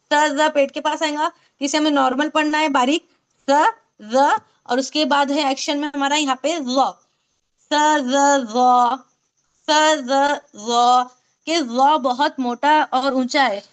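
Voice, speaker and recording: A woman with a high, light voice leads an online recitation class over a video call. She explains each point patiently and repeats sounds again and again so her students can drill them. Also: fairly even intonation, normal speed. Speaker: Quran recitation teacher.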